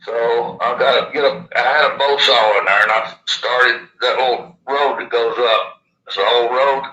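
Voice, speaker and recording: A man's voice: medium pitch, steady tone, moderate pace, pushed and bright, reverberant, lo-fi sound. A man with a lisp and slushy s sounds from missing upper teeth, telling a first-hand story in a casual, folksy, rambling way. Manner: folksy, plain-spoken, rambling. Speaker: interviewee.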